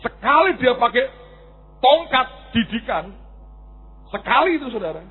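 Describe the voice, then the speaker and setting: A middle-aged man preaching a sermon as a pastor, animated and acting out stories. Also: very high-pitched, unhurried, breathy edge. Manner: animated, acts out stories and voices. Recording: tinny phone-like recording.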